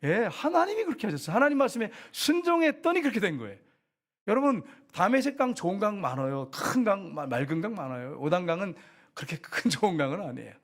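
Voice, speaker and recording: A male pastor delivers a sermon with a fairly high voice. He tells the story vividly, acting out what people said and throwing questions to the congregation. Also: fast talker. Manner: animated storytelling, dramatizes quotes, asks the congregation questions. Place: church.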